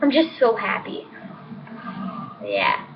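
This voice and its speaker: A woman's voice: medium pitch, huge pitch swings, slow, background noise. A woman rambling in a casual vlog, giggling and gushing as she talks. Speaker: vlogger. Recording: dull lo-fi with voices behind.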